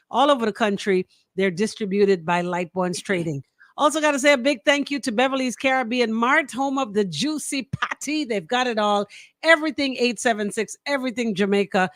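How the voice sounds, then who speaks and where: Her voice on the high side, this Bahamian-accented woman hosts radio with lively, colloquial banter, leaning on repeated phrases for emphasis and shouting out sponsors. The sound is clean studio audio, recorded dry.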